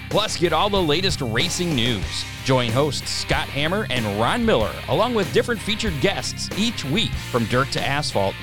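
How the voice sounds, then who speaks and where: Brief: male promo announcer, animated delivery, raised pitch, clear music bed. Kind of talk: scripted promo read.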